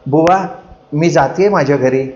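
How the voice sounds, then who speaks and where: A man putting on a bubbly young bride from a village, her voice lifted high and bright with eagerness. She chatters in a girlish, innocent way. The storybook reading sounds roomy and a little dull. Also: moderate pace, lightly acted. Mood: eager. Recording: roomy, slightly dull recording.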